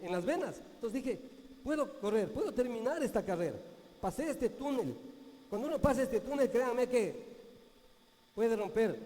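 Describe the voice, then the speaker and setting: A man with a high but mellow voice tells an earnest, halting story as a motivational speaker. He restarts his phrases often and acts out the people he quotes. The sound is from a large hall with a long, lingering reverb. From Ecuador. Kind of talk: motivational talk to an audience.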